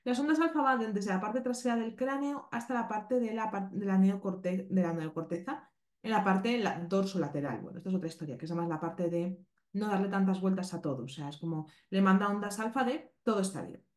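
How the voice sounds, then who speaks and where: This animal communication teacher is a woman from Spain with a Spanish accent, explaining a podcast lesson and checking in with her listeners often. Her voice sits at medium pitch with a darkish tone, and she talks fairly quickly. The room gives the audio a noticeable echo.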